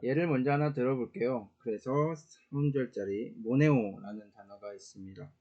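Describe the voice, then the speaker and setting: A man teaching a casual online Latin grammar lesson, explaining slowly with many "uh" fillers and small self-corrections. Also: mid-range voice, dark tone, muffled recording.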